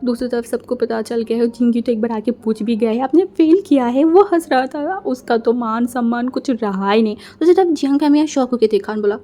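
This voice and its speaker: Woman telling a fanfic story, chatty, kinda high voice, mellow. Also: fairly quick, few pauses. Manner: chatty, with English words mixed in. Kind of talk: casual fan-fiction story narration.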